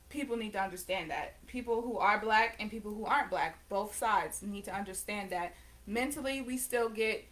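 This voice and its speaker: A fairly high, fairly bright voice belongs to a nineteen-year-old woman who paints and vlogs. In a casual chat to camera she rambles to her viewers and keeps correcting herself, keeping it conversational.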